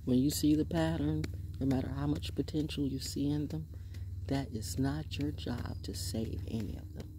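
A woman's voice: deep voice, steady tone, normal speed, warm tone, slight background noise. A woman in her sixties giving a sassy, profane vlog monologue outdoors in the woods, speaking into a phone held close at arm's length, with whispered asides. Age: 60s. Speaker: vlogger. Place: outdoors on a wooden deck in woods.

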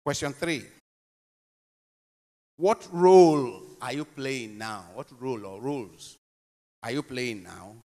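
A man serving as a priest reads scripture and leads his congregation through questions. He speaks very slowly, letting each phrase swell and then fall away. His voice rings out in a long cathedral echo. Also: medium pitch, mellow. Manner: slow, deliberate, solemn delivery with phrases that swell and fade. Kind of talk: gospel reading and homily.

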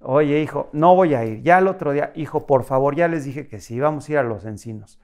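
A man with a Mexican accent, a guest in a casual interview, telling animated stories and acting out dialogue. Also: a little high, brisk. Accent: Mexican Spanish. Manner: animated, acts out dialogue with shifts in voice.

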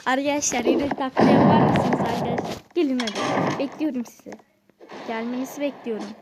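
A high-voiced woman hosts a gaming channel, keeping up a lively running commentary and chatting directly to her viewers. She taunts rival players as she plays. There is a clear hiss of noise behind her voice. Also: brisk. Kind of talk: excited let's-play commentary. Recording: noisy home recording.

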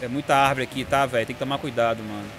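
A young Brazilian man with a Brazilian Portuguese accent, chatting excitedly and slangily while playing a racing game. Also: medium pitch, very fast. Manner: excitable, chatty, slangy, calls himself to calm down. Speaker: gaming YouTuber. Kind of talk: excited gameplay commentary. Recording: game audio noise behind.

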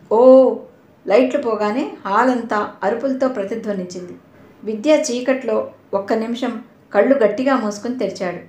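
A woman reads an audio novel aloud in scripted, measured narration. Her voice sits at a middle pitch and a roomy echo surrounds it. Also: a little mellow. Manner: measured storytelling.

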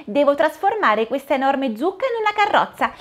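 A woman's voice: high-pitched, big pitch swings, brisk, voice pushed up. A woman voicing a bustling, cheerful fairy godmother who urges everyone on in a sing-song voice. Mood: bubbly, urgent. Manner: sing-song, urging and exclaiming.

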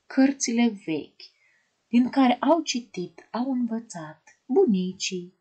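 A female primary school teacher with a medium-pitched, slightly breathy voice gives an online lesson to young children. She asks them questions in a gentle, sing-song way.

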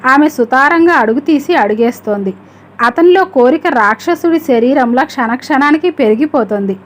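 A woman narrating an audiobook story in a steady, measured reading voice. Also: sits high.

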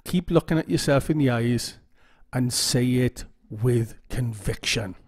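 Slow-talking man explaining exercises. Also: medium pitch, a little mellow, slightly rough. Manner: informal, repeats phrases, checks in with "okay?". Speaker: YouTube OCD educator. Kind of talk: casual instructional talk to camera.

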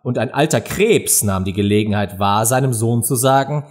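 A man reading a children's classic aloud as an audiobook, expressive and lively. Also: mid-range voice, moderate pace. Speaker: audiobook reader. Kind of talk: storybook narration.

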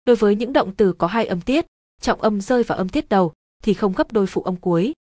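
A woman teaching a grammar lesson in scripted narration, explaining in an even, measured way. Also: medium pitch, no room sound, studio quality.

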